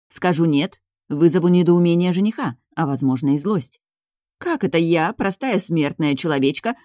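Low-voiced woman narrating an audiobook. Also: dark tone, no echo, clean studio sound. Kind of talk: first-person audiobook narration.

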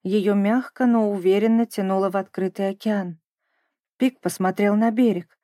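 A woman narrating a children's story in a gentle, even storytelling manner. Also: mid-range voice, normal speed, no room sound, studio quality.

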